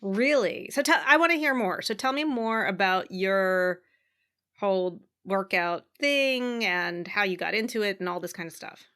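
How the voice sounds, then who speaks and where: Woman cohost, thoughtful and measured, chatting on a podcast. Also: medium pitch, pushed and bright, clear, resonant tone. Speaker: podcast co-host. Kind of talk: casual conversation.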